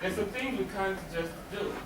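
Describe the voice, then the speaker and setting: Speaking at normal speed, a male counselor presents to a live audience in a slightly high voice, emphatic and explanatory. He asks questions and answers them himself. The reverberant room and distant mic produce a roomy sound with noticeable background noise.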